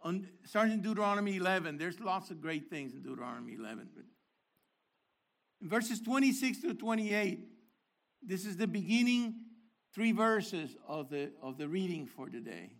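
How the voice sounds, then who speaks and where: An older man teaching a sermon, explaining Hebrew words with emphatic bursts. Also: sits high. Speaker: Messianic teacher.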